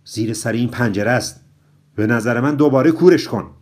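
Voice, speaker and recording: A man voicing a sarcastic know-it-all who speaks loudly and in a mocking, drawn-out way. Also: medium pitch, voice pushed up, close to an everyday voice.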